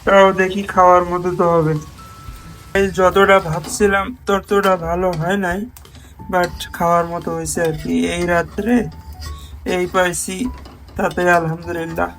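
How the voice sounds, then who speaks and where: A young man chatting to viewers in a casual late-night cooking vlog, mixing in English words and often speaking softly. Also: high-pitched, level tone, moderate pace, soft background music, rough recording. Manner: speaks in a hushed voice so as not to wake a sleeping roommate. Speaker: vlogger. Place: small kitchen at night, indoors.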